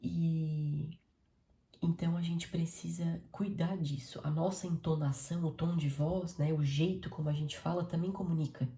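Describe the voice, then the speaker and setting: A woman, talking quickly and directly to her listeners in a casual devotional live stream. Her voice sits a little low and has a gravelly edge. It sounds like an echoey room. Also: steady tone. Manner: fast, warm-hearted, conversational, addresses audience as "gente".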